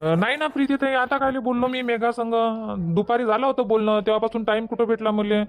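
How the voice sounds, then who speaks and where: A defensive young village man from a cartoon comedy, as a voice actor plays him, with a Varhadi Marathi accent, rattling off his excuses quickly at a middle pitch. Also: steady tone, slight background noise, natural voice. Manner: offhand, excuse-making.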